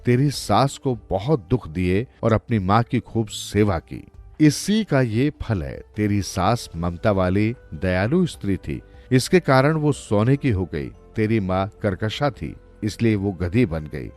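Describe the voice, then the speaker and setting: A stern, mighty god hands down solemn commands in a cartoon story, as a male narrator voices him. The voice is low and lively in pitch, with soft music underneath. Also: slow pace.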